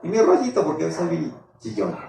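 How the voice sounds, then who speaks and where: A man's voice: on the high side, moderate pace, vocal fry, slight background noise. Male pastor preaching in an echoey church. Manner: animated storytelling, quoting himself in prayer. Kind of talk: sermon testimony. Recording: echoey church hall, distant mic.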